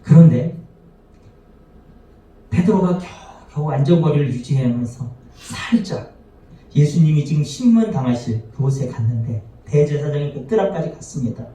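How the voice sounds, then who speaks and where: A male pastor delivers a sermon in a high, mellow voice, often turning to the congregation with rhetorical questions and playing out the quoted lines. He stands well back from the microphone. His voice rings through a very reverberant church hall. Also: lively intonation, moderate pace. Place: church sanctuary. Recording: very echoey hall, voice from far off.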